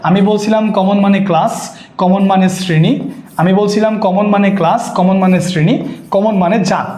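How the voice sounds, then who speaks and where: Fast, high-voiced teacher, echoey. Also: male voice, fairly even intonation, warm tone. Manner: repetitive, questioning students constantly. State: sweaty and worn out. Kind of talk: live online exam-prep class.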